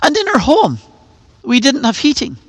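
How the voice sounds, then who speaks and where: High-voiced preacher. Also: male voice, wildly swooping pitch, normal speed, no room sound. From Northern Ireland. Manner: earnest, posing rhetorical questions. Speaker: pastor. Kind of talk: sermon.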